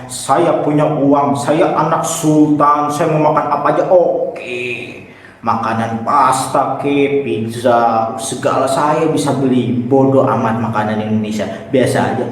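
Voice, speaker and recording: A man's voice: mid-range voice, steady tone, unhurried, a little hiss or hum, lightly acted. A man acting out a spoiled, boastful rich young man who talks in a snobbish, dismissive way. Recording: echoey room with long reverb.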